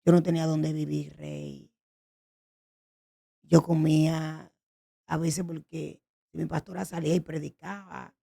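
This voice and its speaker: A woman's voice: sits low, flat delivery, measured pace, creaky, pauses often, dark tone, breathy edge. A woman sharing an emotional personal testimony as a guest, telling her story in an earnest, pleading way.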